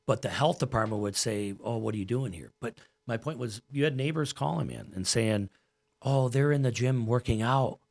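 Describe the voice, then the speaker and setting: At a normal pace, this American guest in his forties talks casually on a podcast about his life as a gym owner and coach, using a mid-range voice that is gravelly and a little mellow. He is earnest and emphatic and often repeats his phrases.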